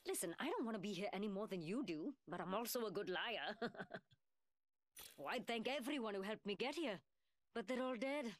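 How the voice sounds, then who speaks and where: Cheeky and sarcastic, a young woman gunsmith taunts in slangy working-class London English, voiced by an actress for a video game. The delivery is animated and fairly quick at medium pitch, recorded dry and close to an everyday voice.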